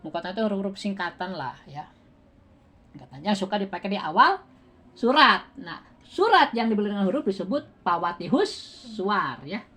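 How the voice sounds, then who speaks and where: A woman with a Sundanese-tinged accent leads a classroom lesson as a recitation teacher, her voice sitting at an ordinary middle pitch. She keeps asking the class questions and counts beats out loud, laughing easily between her points. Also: very animated, moderate pace, husky. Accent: Sundanese-tinged Indonesian. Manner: quizzes students, counts beats aloud, laughs often.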